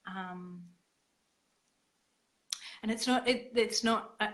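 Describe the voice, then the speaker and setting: This is casual talk at an online gathering: a woman leading a women's circle over video, hesitant and full of fillers and false starts. She speaks slowly in a mid-range, fairly bright voice, and the audio is poor.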